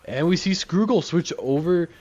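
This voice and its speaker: A man's voice: high voice, lively intonation, moderate pace, darkish tone, muffled recording. A man casting an esports match as play-by-play commentator, joking and laughing between calls. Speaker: esports caster.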